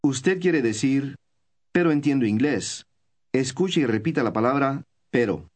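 A man of middle pitch leads a recorded language lesson. He reads scripted prompts calmly and evenly, explaining pronunciation and telling the learner what to say next. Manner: calm, measured prompts to the listener. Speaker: course instructor.

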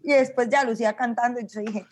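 A woman's voice: on the high side, fast talker. A young woman in her twenties with a Costa Rican accent, telling stories in casual chat and acting out what people said. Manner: animated storyteller, acts out quotes.

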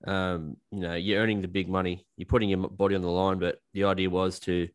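A deep-voiced Australian man talks quickly with little pitch movement, his tone clear and resonant with no echo. He's a coal miner appearing as a podcast guest, casually explaining his work in a blunt, jokey, colloquial way.

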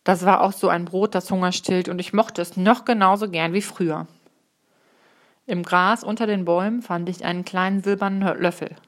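Calm woman reading a children's story. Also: fairly low pitch. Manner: calm and measured, with small slips she corrects. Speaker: audiobook reader. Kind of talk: reading a children's book aloud.

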